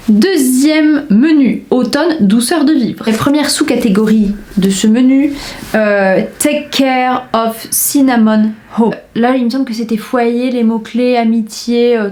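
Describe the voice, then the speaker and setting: A woman's voice: medium pitch, a little mellow. Woman, young adult, from France, book podcaster, enthusiastic, chatty, full of fillers. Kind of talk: casual book chat.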